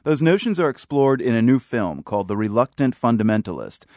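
A man hosting a radio news program, reading his narration and interviewing with a steady, clear delivery. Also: mid-range voice, fairly quick, no room sound, clean studio sound. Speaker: radio host.

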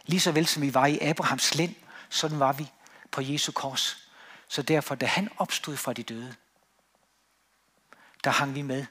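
A man preaching a sermon in a church, emphatic on key words and then dropping quiet. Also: medium pitch, steady tone, pauses often, breathy edge.

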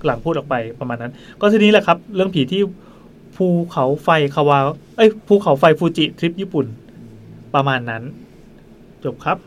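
A man hosting a podcast, telling a ghost story in a quick, chatty way into a studio mic. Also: fairly high pitch, expressive. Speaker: podcast host.

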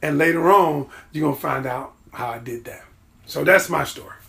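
A man's voice: on the high side, normal speed, vocal fry, a bit bright. A man hosting a motivational podcast, telling his story in an earnest, conversational way. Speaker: podcast host.

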